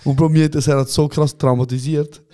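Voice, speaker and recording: A man's voice: on the high side, brisk. A young man with a Swiss German accent, co-hosting a casual podcast and acting out scenes while teasing his friend. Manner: lively, acts out scenes and voices, teasing. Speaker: podcast co-host. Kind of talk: casual chat.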